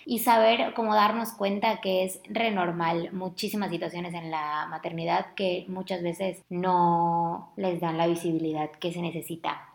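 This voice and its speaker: A woman's voice: on the low side, fairly even intonation, measured pace, gravelly, few pauses, echoey room. A woman hosting a podcast, telling stories in a chatty, confiding way full of slang. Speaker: podcast host, mother. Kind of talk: casual podcast monologue.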